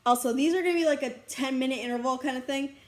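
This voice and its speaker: High-voiced excitable young woman vlogging. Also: fast. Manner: rambling, excitable, giggly and breathless. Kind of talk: casual vlog chat. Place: outdoors on a school campus.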